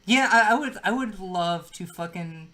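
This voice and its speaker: A man's voice: high voice, lively intonation, moderate pace, crowd noise. Young man, podcast co-host, casual chat, rambling, filler-heavy, profane.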